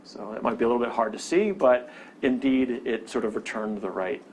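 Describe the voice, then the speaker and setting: A man's voice: mid-range voice, fairly quick, darkish tone, a little hiss or hum. A man teaching a programming lesson over a screen recording, explaining step by step and often checking in with "okay?". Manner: explanatory, with many "okay?" check-ins and restarts. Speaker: programming instructor.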